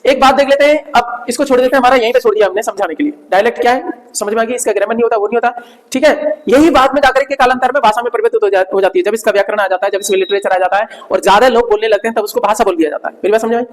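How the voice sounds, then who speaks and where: A man's voice: extremely high pitch, very fast, in a large hall, poor audio. A male teacher giving a classroom lecture, asking his class questions and answering them himself.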